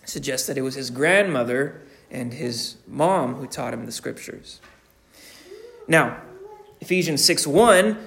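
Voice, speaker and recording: A man preaching a sermon slowly and deliberately, often restarting his phrases. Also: on the high side, gravelly. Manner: slow, deliberate, with frequent restarts.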